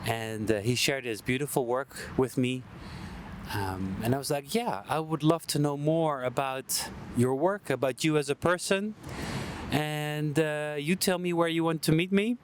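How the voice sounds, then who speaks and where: A man's voice: fairly high pitch, moderate pace. A chatty male interview host with a slightly raised voice talks loosely, trailing off and restarting as he introduces his guest. He sits outside on a bench by the water, with faint traffic in the background. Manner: friendly, chatty, rambling with fillers. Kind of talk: casual interview conversation. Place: outdoor public bench by the water. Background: street traffic.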